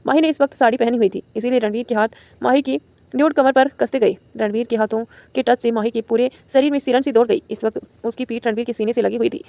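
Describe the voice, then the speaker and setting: Quick-reading woman storyteller. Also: on the high side, steady tone, creaky, dark tone, no room sound. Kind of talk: reading a romance audio novel.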